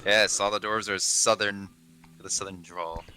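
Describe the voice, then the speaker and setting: A man's voice: fairly low pitch, steady tone, moderate pace, pushed and bright, slight background noise. A man playing a tabletop role-playing game, joking and laughing. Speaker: player.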